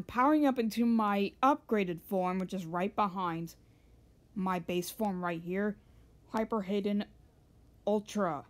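A woman talking casually about her video thumbnails as she shows them, rambling and excited, often restarting her sentences. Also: mid-range voice. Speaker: channel owner showing thumbnails. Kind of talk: casual screen-share narration.

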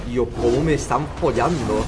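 A man's voice: mid-range voice, normal speed. A young man with a Spain Spanish accent doing casual gameplay commentary on a live stream, swearing a lot and teasing other players. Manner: swears often, teases other players, laughs at their mistakes. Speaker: gaming streamer. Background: background game music.

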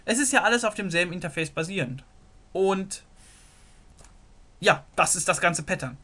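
A male programming tutor draws out a software diagram in a screen-recorded whiteboard lesson, reasoning aloud with frequent fillers, especially "so." Recorded close on a desktop mic, his voice is a little high, bright and forward, with lively intonation at normal speed.

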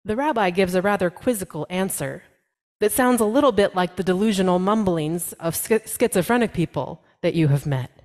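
A woman pastor delivering a storytelling sermon in the second person, with dramatic pauses and quoted voices. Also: lowish voice, lively intonation, darkish tone.

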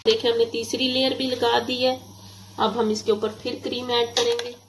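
A woman with a Pakistani Urdu accent hosts a home cooking channel, walking viewers through a recipe step by step and addressing them directly in a tutorial voice-over from her home kitchen. Her high-leaning voice is flat and moderately paced, captured in a rough, hissy home recording.

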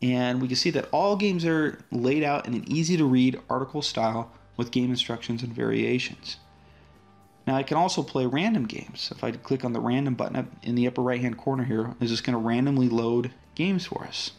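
Soft music plays behind a man with a mid-range voice as he briskly demos the app he developed. It's an easygoing, friendly walkthrough, full of fillers and restarts.

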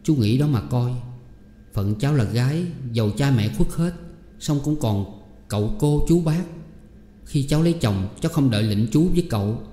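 A man's voice: medium pitch, animated, moderate pace, dark tone, lightly acted. A man voicing a humble young mother who pleads politely with her elders. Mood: pleading. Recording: echoey room with long reverb.

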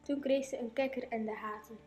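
A woman narrating a fairy tale in a steady, plain way for a school play. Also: on the high side, a little fast, soft background music.

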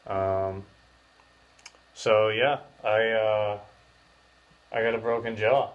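Low-voiced man talking with jaw wired shut. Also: fairly even intonation, slow, phone-quality sound. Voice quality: clenched-teeth speech, jaw wired shut. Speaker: podcast host. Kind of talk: casual podcast chat. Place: small bare room, indoors.

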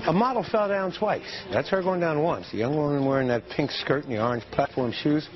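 Man, TV news narration, animated intonation, music bed, dull recording. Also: a little high, fairly quick. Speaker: news reporter. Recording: dull lo-fi TV clip, music behind.

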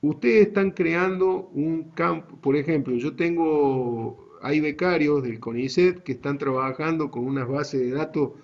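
Un hombre con acento argentino que da una clase universitaria en línea, explicando con calma y paso a paso. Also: male voice, fairly high pitch, dull audio. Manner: slow, deliberate explaining to students. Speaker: university GIS teacher. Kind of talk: online class lecture.

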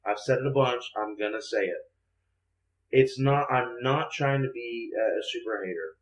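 A man's voice: mid-range voice, normal speed, roomy sound, poor audio. A man hosting a casual gaming podcast over voice chat, rambling and thinking aloud as he talks. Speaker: podcast host. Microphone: voice chat over Discord.

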